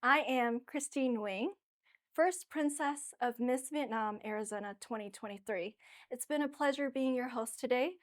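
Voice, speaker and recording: Female interview host, higher-pitched voice, effusive and encouraging with guests. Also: normal speed. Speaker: host and pageant coach. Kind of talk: interview hosting.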